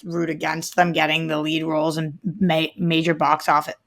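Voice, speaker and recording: A woman with a low-pitched, monotone, slightly bright voice speaks at a moderate pace as co-host of a movie podcast. In casual conversation, she shares her opinions on the films they're reviewing.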